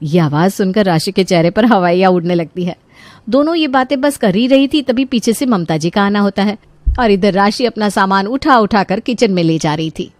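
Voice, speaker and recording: Lively woman storybook narrator. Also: medium pitch, normal speed, dry recording. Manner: lively, playful.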